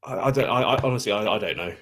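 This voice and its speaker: A man's voice: fairly low pitch, rapid-fire, a bit bright. A man, chatting casually as a guest and often restarting his sentences. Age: 20s. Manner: hesitant, many restarts and fillers. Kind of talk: casual chat.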